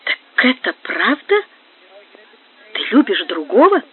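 A man's voice: very high voice, huge pitch swings, slow pace, breathy edge, exaggerated voice. A man reading a heartbroken, jealous young man with anguished intensity, heard through a narrow phone-like sound.

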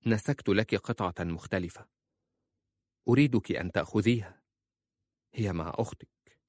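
A man's voice: fairly low pitch, normal speed, darkish tone, no room sound, studio quality, close to an everyday voice. A man voicing a desperate young mother held captive, begging with breathless urgency. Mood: earnest.

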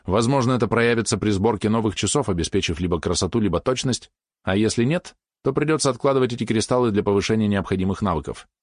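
A man reading first-person narration of an audiobook in an even, matter-of-fact way. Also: fairly low pitch, quick pace, no echo, clean studio sound.

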